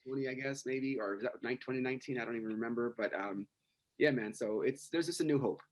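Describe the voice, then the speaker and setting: A man's voice: mid-range voice, quick pace. A man co-hosting a podcast, talking casually with many fillers and self-corrections as he introduces a guest. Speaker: podcast co-host.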